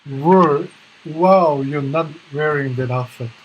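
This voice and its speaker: A man with a Korean accent, a native Korean speaker, doing English shadowing practice, echoing lines a beat behind and repeating them haltingly. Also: fairly high pitch, dull audio, noisy background. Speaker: live-streaming English learner. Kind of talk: shadowing practice, repetitive drilling.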